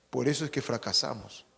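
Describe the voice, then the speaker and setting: A male pastor preaching a sermon, asking the congregation rhetorical questions and swinging between loud emphatic lines and quiet asides. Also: mid-range voice, creaky, big-room sound. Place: church sanctuary.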